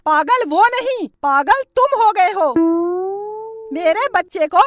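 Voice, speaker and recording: A woman playing a sharp-tongued mother. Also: very high voice, big pitch swings, takes it slowly, full character voice. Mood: taunting. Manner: taunting, mocking, coddling. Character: sharp-tongued mother, doting to her son, scornful of her husband. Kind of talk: homemade comedy skit. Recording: background music.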